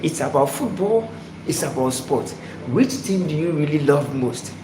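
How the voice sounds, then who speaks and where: A man's voice: a little high, expressive, a little slow. Man hosting a sports live stream from Ghana. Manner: greets viewers by name and asks questions. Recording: echoey room with loud background noise.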